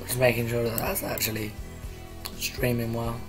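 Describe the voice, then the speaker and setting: A man with a croaky voice casually talking to viewers on a live stream, rambling as he sets things up. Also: medium pitch, level tone, normal speed, over music. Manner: rambling, chatty, addressing viewers.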